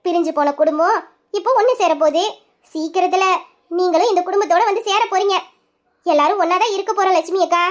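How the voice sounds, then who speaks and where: A high young voice playing a warm woman of the family, speaking in a reassuring way. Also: fast.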